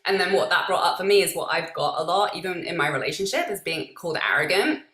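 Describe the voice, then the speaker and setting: A woman's voice: fairly low pitch, fast talker, pushed and bright, echoey room. A woman hosting a casual interview, reflective and thinking aloud. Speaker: host.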